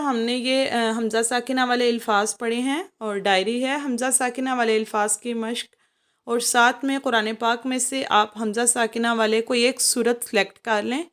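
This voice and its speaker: A woman with a fairly high voice gives a recorded lesson to children. She explains each rule patiently. She draws out the syllables slowly so they can copy her. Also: a bit bright. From Pakistan. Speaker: Quran teacher.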